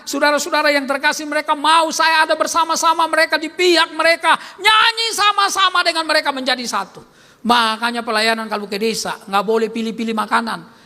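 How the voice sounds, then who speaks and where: A pastor preaching a sermon at a church service, animated, swinging from loud calls to quiet asides and often turning to the congregation. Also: male voice, very high voice. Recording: long church-hall reverb.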